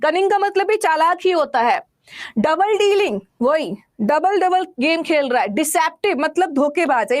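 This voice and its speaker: High-voiced woman teaching vocabulary. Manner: explains with everyday examples, asks and answers her own questions. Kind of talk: classroom vocabulary lesson.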